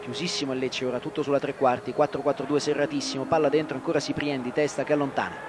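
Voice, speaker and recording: Speaking fast in a level, medium-pitched tone, a man commentates a football match live. His phrases are short and clipped, and he calls out each player on the ball. The old recording is filled with loud crowd noise from an outdoor stadium.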